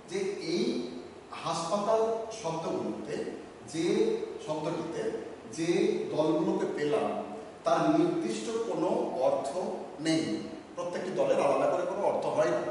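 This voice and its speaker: A male teacher giving a slow, measured grammar lesson with pauses between words, recorded in an office room. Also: a little high, slight background noise. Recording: echoey room from far off.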